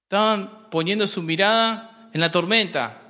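A man preaching a sermon, addressing the congregation as brothers and often pausing on rhetorical questions. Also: sits high, pushed and bright. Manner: repeats and restarts phrases while preaching. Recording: hall reverb.

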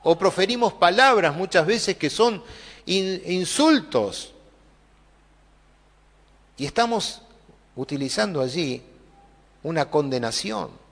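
Male preacher, high voice, chatty sermon style, halting restarts. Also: animated, fairly bright tone. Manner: conversational, many filler tags and restarts. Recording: long hall reverb.

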